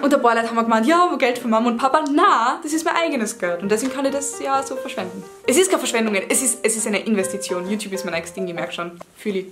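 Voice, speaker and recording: A young woman with an Austrian accent talks rapidly to the camera in a chatty, frank, self-mocking vlog. Her voice sits a little high. Clear background music runs under her talk. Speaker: vlogger. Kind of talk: casual vlog chat. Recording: music behind voice.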